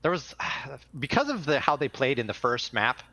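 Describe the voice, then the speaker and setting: A man with a bright, forward voice talks through his team's choices in a relaxed post-match interview. He rambles a little and pokes fun at his own mistakes. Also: medium pitch, moderate pace. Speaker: team player interviewed after match.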